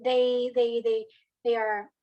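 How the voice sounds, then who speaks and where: High-voiced woman, hesitant and chatty. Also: level tone, slow, dull audio. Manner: hesitant, many fillers and restarts. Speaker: alumna guest. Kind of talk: casual interview answers.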